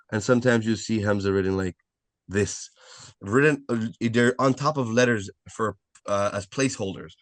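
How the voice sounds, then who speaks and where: A man with a fairly low voice teaches a live online class for language beginners, explaining step by step and repeating the key points. He keeps checking that students follow by asking "right?", and the recording has no room sound.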